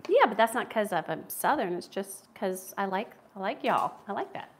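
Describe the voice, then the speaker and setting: A middle-aged woman with a Philadelphia accent hosts a live cooking stream from a large home kitchen, chatting and laughing often as she cooks. Her medium-pitched voice has lively intonation at a normal speed, picked up by a camera across the room.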